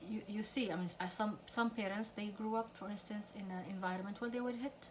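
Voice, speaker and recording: A woman's voice: medium pitch, fairly even intonation, a little fast, slight background noise. A middle-aged woman counselor giving an earnest talk to parents about conflict with teenagers. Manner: earnest, acts out quoted parents and teens. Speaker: family counselor.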